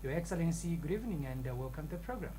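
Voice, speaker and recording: Low-voiced formal TV host, woman. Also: expressive, very fast, background noise. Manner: formal, ceremonious. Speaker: TV talk show host. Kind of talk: formal TV hosting. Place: TV studio.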